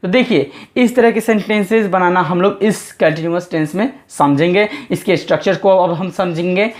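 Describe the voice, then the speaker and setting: A man teaching English grammar as a classroom lesson, patiently spelling words out letter by letter and repeating phrases. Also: high-pitched. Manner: patient, explains slowly and step by step.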